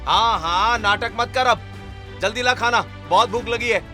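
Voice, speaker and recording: A man voicing a drunk, bad-tempered brother who shouts abuse in a cartoon story. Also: sits high, moderate pace, faint music behind. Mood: angry shouting. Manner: shouting, abusive, demanding.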